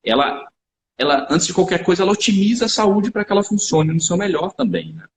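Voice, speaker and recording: A man's voice: sits high, a little fast, creaky. A man explaining health topics in a live-stream conversation, lecturing and often checking in with tag questions. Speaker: researcher and supplement company founder. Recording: echoey room with faint background noise.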